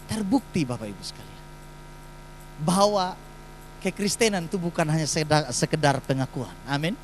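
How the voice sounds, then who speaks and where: A man's voice: on the high side, expressive, normal speed, slight background noise, rough recording. A man, preaching a sermon in a church and putting emphatic rhetorical questions to the congregation. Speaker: pastor.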